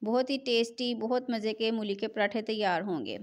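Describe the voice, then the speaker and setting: Cooking host: middle-aged woman, fairly high voice, chatty and repetitive. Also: normal speed. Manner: chatty, repeats filler phrase "jo hai na". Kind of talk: cooking tutorial voice-over.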